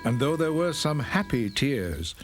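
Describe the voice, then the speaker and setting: A man narrating a children's cartoon in gentle, sing-song rhymes. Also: medium pitch, sing-song, a little slow, faint music behind. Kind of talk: rhyming storybook narration.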